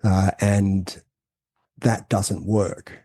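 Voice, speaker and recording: A man co-hosting a casual podcast conversation, explaining ideas in a halting way with many restarts and fillers. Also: low-pitched, little pitch movement, warm tone, dry recording, clean studio sound. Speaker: co-host.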